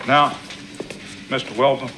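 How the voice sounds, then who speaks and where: An actor playing a formal male prosecutor questioning a witness in a measured courtroom manner. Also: medium pitch, fairly even intonation, sharp tone, slight background noise.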